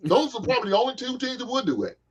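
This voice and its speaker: A man's voice: very high voice, big pitch swings, very fast, husky, muffled recording. A man in his forties from the Bay Area, hosting a casual sports chat, joking and swearing freely. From San Francisco Bay Area. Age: 40s. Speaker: podcast host.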